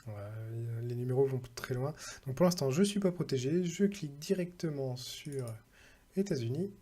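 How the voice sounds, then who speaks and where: A man's voice: medium pitch, lively intonation, normal speed, dark tone, husky. A man talking casually through a screen-recorded tech tutorial, thinking aloud and reading out numbers with hesitant fillers.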